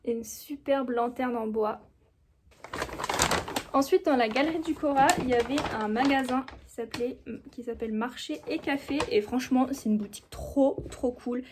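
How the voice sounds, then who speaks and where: A woman's voice: sits high, normal speed, noisy background. A young woman vlogging at home in a chatty, enthusiastic way, with many fillers. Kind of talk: casual chat.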